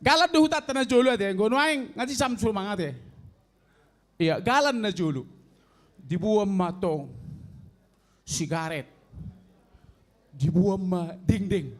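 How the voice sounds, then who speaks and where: A man in his sixties with a Toba Batak accent, telling a comic story in a slow, drawn-out way to an audience of elders. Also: high voice, animated. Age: 60s. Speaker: elderly stand-up contestant. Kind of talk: stand-up comedy storytelling.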